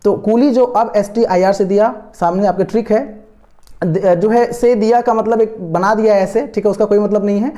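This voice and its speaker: Man, online exam tutor, mellow warm tone, repetitive, hesitant fillers, coaxing. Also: high-pitched, fairly even intonation, normal speed. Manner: repeats key words often, full of hesitant fillers; coaxing and encouraging toward students. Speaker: exam-prep teacher. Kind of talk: online lesson explaining memory tricks from slides.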